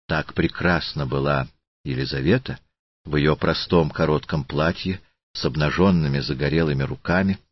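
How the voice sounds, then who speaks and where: A man reading a literary audiobook in a slow, deliberate, solemn manner. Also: rumbling low, slightly rough, muffled recording. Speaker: audiobook narrator.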